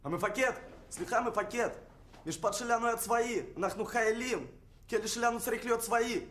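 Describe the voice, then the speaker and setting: An actor playing a defiant young male soldier prisoner who shouts and addresses his commander in strict military form. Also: very high voice. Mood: defiant shouting. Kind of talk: film drama acting.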